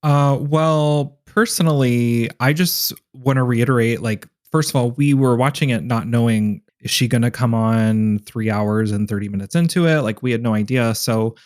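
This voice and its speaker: A man's voice: mid-range voice, moderate pace, few pauses, darkish tone, no room sound, clean studio sound. A man co-hosting a podcast, chatting in an enthusiastic, rambling, self-deprecating way. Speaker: podcast co-host. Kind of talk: casual podcast chat.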